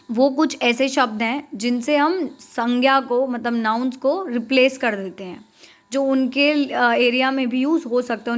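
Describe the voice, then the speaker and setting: A high-pitched woman gives a classroom grammar lesson. She explains in a mix of Hindi and English and slows down to read English definitions aloud. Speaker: school English teacher.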